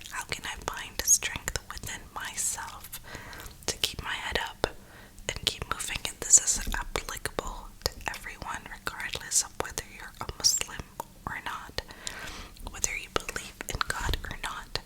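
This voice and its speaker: Close to the mic, a woman who makes ASMR content and games speaks in a soft, breathy whisper, a little slow, musing earnestly and reflectively in a motivational ramble. The recording is low quality.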